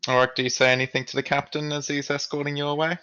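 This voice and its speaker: A man narrating as game master of a tabletop game, casual and halting. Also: a little high, flat delivery, pushed and bright, clean tone, highs cut off.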